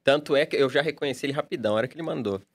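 A man's voice: mid-range voice, racing, no room sound. Easygoing São man reading superchats. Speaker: podcast co-host reading superchats. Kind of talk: casual podcast chat.

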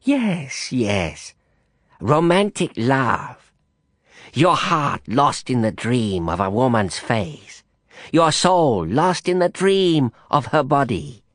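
A man's voice: mid-range voice, big pitch swings, dry recording, studio quality, pitched above the performer's own voice. A man voicing a silky, menacing madam. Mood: seductive. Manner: slow, theatrical, sweetly threatening. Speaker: narrator voicing a character.

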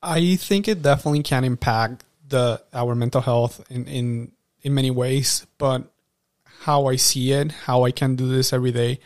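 A man's voice: mid-range voice, steady tone, normal speed, a little mellow, no echo, clean studio sound. A man working as a veterinarian, answering interview questions in an earnest, reassuring way and repeating himself for emphasis.

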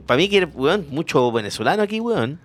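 A man's voice: on the high side, sing-song, a little fast. A man with a Chilean Spanish accent, co-hosting a radio show in casual satirical banter, slangy and sweary.

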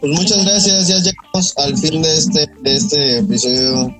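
A man's voice: fairly high pitch, a little slow, over music, low-quality recording. A man with a Mexican accent co-hosting a podcast in casual, slangy conversation. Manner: informal, slangy. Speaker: podcast host. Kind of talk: casual chat.

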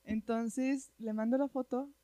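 In a fairly high voice and a slightly slow tempo, a woman with a Mexican accent shares a personal anecdote casually and with lots of energy. Her speech is slangy and full of "güey," and there's no room sound.

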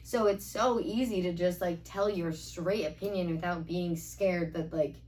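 A woman's voice: lowish voice, a little slow, darkish tone. A young woman in casual chat, rambling with a constant "like" and casual swearing. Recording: slightly distant mic, faint background noise.

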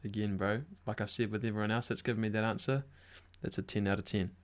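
A man's voice: fairly low pitch, flat delivery, fast. A young man with a broad New Zealand accent hosting a casual interview in a matey, slangy way. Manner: matey, slangy, peppered with bro. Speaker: interview host. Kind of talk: casual chat.

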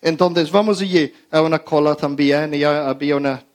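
A man's voice: fairly high pitch, normal speed. A man casually telling a funny anecdote to his audience, stumbling over his words, restarting often and laughing as he goes. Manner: many fillers and repeated words. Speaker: storyteller talking to his audience.

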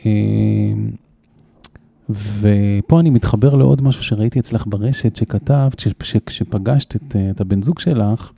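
A man hosts a podcast interview, working toward his questions through loose, filler-heavy rambling. His voice has a gravelly fry and a dark, mellow tone. The sound is dry and close, with no room around it. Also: fairly low pitch, no room sound. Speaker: podcast host.

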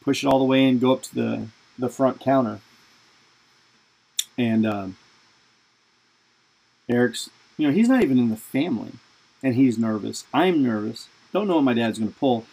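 Raspy, gravelly man telling a story. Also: medium pitch, normal speed, pauses often, a little mellow, rough recording. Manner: casual, rambling, lots of fillers. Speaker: podcast host. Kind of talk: storytelling monologue.

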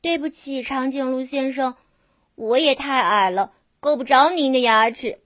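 A woman voicing a small rabbit dentist who apologizes softly in a children's story. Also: high voice, unhurried, no room sound, clean studio sound. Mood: apologetic.

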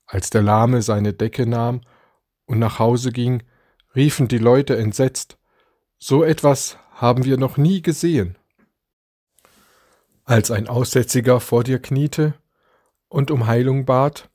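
A man reading an Advent devotion aloud as a preacher, slow and deliberate, giving quoted lines some drama. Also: mid-range voice, warm tone, no room sound, clean studio sound.

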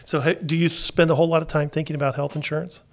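Man hosting a relaxed business podcast. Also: a little high, creaky. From Florida. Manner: unhurried, with many fillers and restarts. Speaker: podcast host. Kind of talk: casual talk-show chat.

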